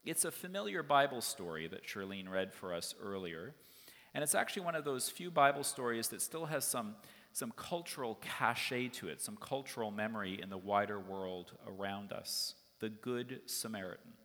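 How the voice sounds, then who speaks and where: A man's voice: fairly low pitch, animated, moderate pace, a bit bright. A man preaching a sermon as pastor, speaking in a conversational storytelling way with occasional fillers. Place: church sanctuary. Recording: long church reverb.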